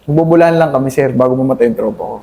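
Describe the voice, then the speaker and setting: Interviewed as a guest, this thirty-something army captain earnestly tells of his combat experiences, stopping and restarting many times. He speaks with deference, addressing his host as "sir" nearly every phrase. His voice has a medium pitch and a dark tone, and the talk is a conversational war recollection.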